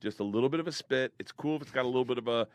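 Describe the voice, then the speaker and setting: A man, a comedian on a podcast, chatting casually and telling stories in an excitable, profane way. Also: medium pitch, very fast, dry recording. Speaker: comedian co-host. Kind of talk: casual chat. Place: podcast studio.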